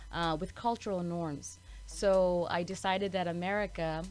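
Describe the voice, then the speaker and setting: A woman's voice: lowish voice, a little mellow. A woman in her thirties from Malawi, an author and professor answering interview questions openly over a video call. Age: 30s.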